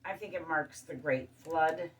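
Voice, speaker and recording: A woman hosting her show, talking calmly in a casual monologue and listing things one by one. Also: low-pitched, unhurried, far from the mic. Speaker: show host. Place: studio.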